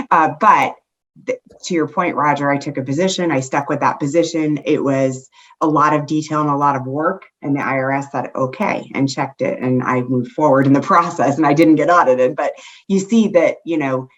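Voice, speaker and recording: A woman speaking as a conference panelist in a thoughtful, halting way with fillers and restarts. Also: deep voice. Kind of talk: panel discussion. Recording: muffled lo-fi audio.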